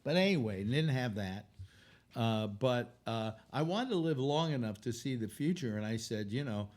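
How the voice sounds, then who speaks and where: A man's voice: medium pitch, lively intonation, moderate pace, darkish tone. A man in his eighties hosting a casual chat show, rambling and wry, often restarting his sentences. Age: 80s. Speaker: host.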